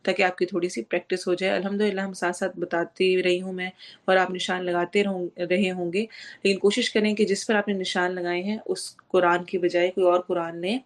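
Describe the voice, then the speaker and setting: A woman teaching tajweed. She recites verses slowly and drawn out, then explains pronunciation rules step by step. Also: lowish voice, little pitch movement. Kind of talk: online tajweed lesson.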